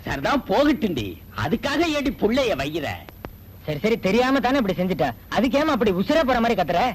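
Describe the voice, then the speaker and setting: An actress playing a patient village mother who calmly chides and defends her daughter in a film. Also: fairly high pitch, a little fast, a little hiss or hum, rough recording. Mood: chiding. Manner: calm, chiding. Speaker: the girl's mother. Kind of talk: Tamil film acting.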